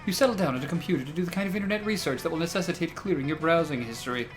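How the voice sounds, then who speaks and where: A man's voice: fairly high pitch, rapid-fire, music in the background. A man hosting and narrating a comedic game, moving between scripted narration and casual asides.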